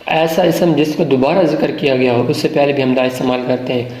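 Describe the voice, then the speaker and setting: A man teaches a grammar lesson at a middle pitch. He keeps asking the viewer questions and answering them himself, and he reads example sentences slowly, word by word. The room has a noticeable echo. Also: darkish tone. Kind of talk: classroom-style grammar lesson. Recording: roomy, echoey room.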